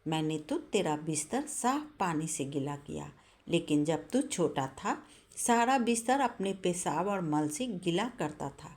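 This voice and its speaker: A woman's voice: on the low side, expressive, unhurried. Woman voicing a patient loving mother. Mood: reproachful. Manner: gentle and pleading, then stern and reproachful. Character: patient loving old mother, firm when needed.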